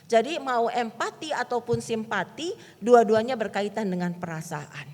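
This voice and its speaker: A woman's voice: a little high, moderate pace, a little mellow, big-room sound. A woman pastor giving a playful, chatty sermon to an elderly congregation and asking them questions. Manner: playful, asks the listeners questions, informal Jakarta slang. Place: church hall.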